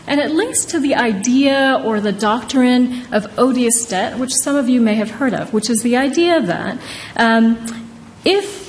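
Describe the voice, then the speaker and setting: A woman in her thirties from Indonesia, a law professor and author presenting her book, gives an informal academic talk with a slightly high voice. She keeps it conversational, often tagging points with "right?". She speaks into a podium microphone in a large, wood-panelled courtroom-style hall that sounds reverberant, with some noise.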